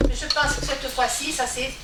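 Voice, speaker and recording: A woman's voice: sits high, fairly even intonation, normal speed, distant mic, heavy background noise. A woman organizer giving an informal thank-you speech to a group, with hesitant repeated words. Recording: echoey room from afar, loud crowd behind.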